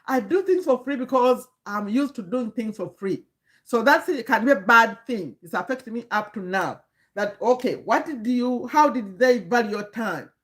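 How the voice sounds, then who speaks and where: A woman from Uganda, in her fifties, hosts a livestream and works as a community coach. Her earnest, lecturing talk to the chat is full of restarted sentences and breaks to greet viewers, delivered at a moderate pace in a slightly high voice with lively intonation.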